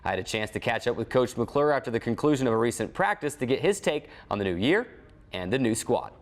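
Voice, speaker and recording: An American man who hosts a sports show and broadcasts for a team reads scripted previews in an announcer-like delivery. His medium-pitched voice is fast with lively intonation.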